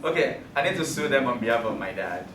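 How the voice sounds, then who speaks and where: A man whose first language is Yoruba teaches a classroom math lesson, cracking jokes and often checking that his students are following. His medium-pitched voice is fast with lively intonation. He is recorded from afar in a roomy classroom, far from the mic and very noisy.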